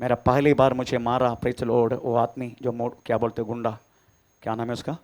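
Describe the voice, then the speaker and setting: Preaching a sermon, a male pastor swings between quiet low murmurs and high, shouted declarations, repeating "praise the Lord" often. He keeps a level tone at normal speed.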